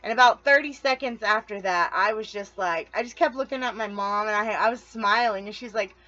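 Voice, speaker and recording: A woman's voice: medium pitch, fairly quick, pushed and bright, lo-fi sound. A woman telling her story to camera in a casual vlog, chatty and rambling, losing her train of thought and talking straight to her viewers. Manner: chatty, addresses viewers directly. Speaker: vlogger.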